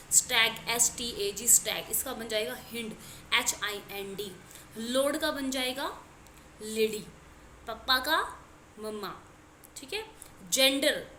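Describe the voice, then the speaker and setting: Bright-voiced woman teaching English grammar. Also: on the high side, roomy sound, slight background noise. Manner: spells out words letter by letter, stresses key words. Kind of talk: exam-prep grammar lesson.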